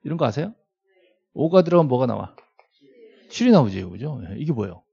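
Gravelly, lively male law lecturer. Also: mid-range voice, fairly quick. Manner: constant rhetorical questions, repeats key terms several times; informal asides to students, joking. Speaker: law lecturer at a real estate agent exam prep academy. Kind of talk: classroom lecture. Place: classroom lecture room. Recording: dull lo-fi lecture recording.

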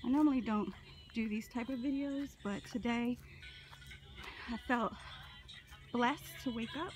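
A woman's voice: on the high side, measured pace, darkish tone, faint music behind. A woman in her thirties, a mother vlogging on a phone while walking a wooded park trail, chatting cheerfully to her viewers. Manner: chatty and upbeat, talking straight to viewers. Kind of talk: casual vlog narration. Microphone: phone held while walking.

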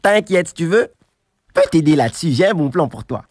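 A man's voice: a little high, sing-song, brisk, darkish tone. A man playing a scheming streetwise hustler. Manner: boastful, wheedling street slang. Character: scheming streetwise young man called the rat. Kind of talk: comedy sketch acting.

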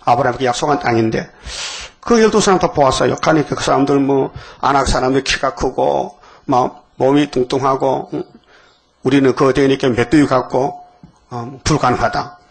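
A man's voice: medium pitch, normal speed, creaky. A male pastor preaching a dawn sermon, questioning the congregation and acting out biblical voices.

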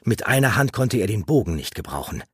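A man narrating a fantasy audiobook in a measured, dramatic reading. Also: lowish voice, big pitch swings, breathy edge, no room sound, studio quality.

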